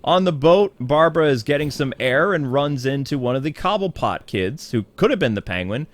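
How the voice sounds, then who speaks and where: A man's voice: a little high, lively intonation, normal speed. A man giving a casual, opinionated spoiler review of a cartoon episode, chatty, full of fillers, laughing now and then. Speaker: TV show reviewer.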